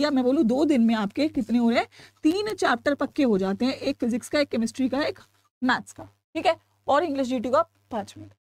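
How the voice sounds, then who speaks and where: A young woman teacher with an Indian accent talks to her students in a high, bright voice, coaxing them along and dropping in English phrases. The sound is close and dry. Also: no echo. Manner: chatty, coaxing, mixes in English. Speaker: online exam-prep teacher. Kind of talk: lecture to students.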